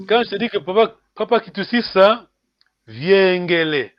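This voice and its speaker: A man teaching a language class over a call, repeating words slowly and checking in with "hein" after nearly every phrase. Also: sits high, steady tone, no echo, dull audio. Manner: switches between French and Portuguese.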